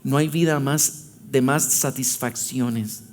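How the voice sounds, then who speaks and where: A man's voice: mid-range voice, steady tone, slow pace, slight background noise. A male pastor preaching emphatically, acting out prayers and punching points with sound effects. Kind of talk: sermon. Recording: loud music playing behind the voice.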